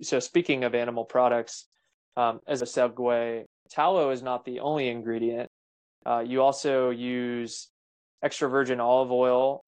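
Male host, mid-pitched, reflective and measured in conversation. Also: a little mellow. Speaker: interview host. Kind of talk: conversational interview.

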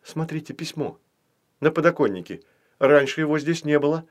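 A man voicing a curious young girl in a children's audiobook, speaking in a hushed, wondering way. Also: mid-range voice, moderate pace, lightly acted.

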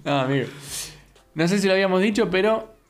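A man's voice: sits high, lively intonation, fast. A man with a Rioplatense Spanish accent co-hosting a casual podcast, thinking aloud and searching for words. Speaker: podcast co-host. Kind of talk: casual chat.

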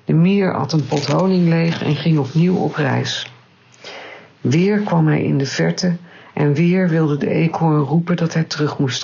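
A woman reading a children's story aloud in a calm, measured way. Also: sits low, gravelly, husky, highs cut off.

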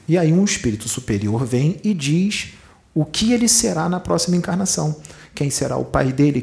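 In a medium-pitched voice with vocal fry and a darkish tone, a man from Brazil preaches a channeled spiritual teaching. He is a medium with a Rio de Janeiro accent, speaking emphatically and posing many rhetorical questions.

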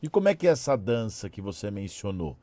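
A man's voice: on the low side, big pitch swings, brisk, dark tone, dry recording. A male host interviewing an author, asking several probing questions in a row. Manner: probing, asks stacked questions.

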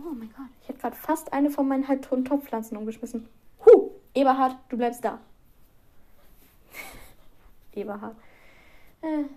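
A woman's voice: fairly high pitch, dark tone. A teenage girl hosting a casual solo podcast, rambling and self-mocking with giggly asides. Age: teens. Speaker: podcast host.

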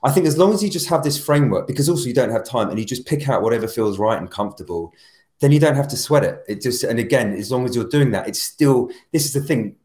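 A man speaking as a podcast guest in casual conversation, talking in an animated way with frequent restarts. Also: mid-range voice, quick pace. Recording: roomy echo.

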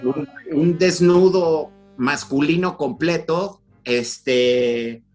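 A man's voice: on the high side, extremely slow, a little mellow, faint music behind. A man with a Mexican Spanish accent co-hosting a podcast, chatting casually about a film in a rambling way, full of fillers and restarts. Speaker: podcast co-host.

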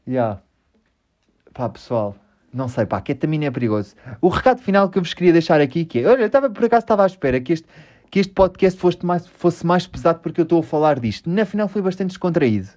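A man with a European Portuguese accent hosts a laid-back podcast, his voice fairly high and a bit mellow. He wanders from point to point, pokes fun at himself, and swears constantly.

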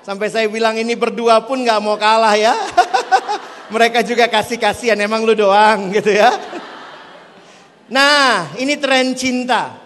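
A man with a strikingly high voice gives a playful, joking talk to a hall of teenagers, often turning to the audience with questions. His voice carries a long hall reverb, with the sound of a large room full of listeners. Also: fairly even intonation, measured pace, fairly bright tone, slight background noise. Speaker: youth speaker.

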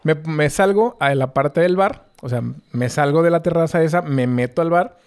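A man's voice: a little high, normal speed, darkish tone, clear, resonant tone. Slangy young Mexican man telling a story. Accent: Mexican Spanish. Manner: slangy, rambling, many fillers. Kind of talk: casual chat.

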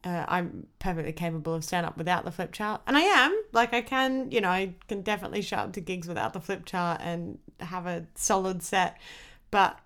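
An Australian woman, a comedian, chatting casually as a podcast guest, talkative and animated in her storytelling. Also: fairly low pitch, brisk. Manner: chatty, with lively acted-out quotes.

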